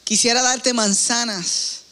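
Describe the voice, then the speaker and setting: A selfless old apple tree, spoken by a man in a soft, tender, slow voice that sits high and bright. The words ring out with a long hall reverb behind them. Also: fairly even intonation, clear, resonant tone, exaggerated voice.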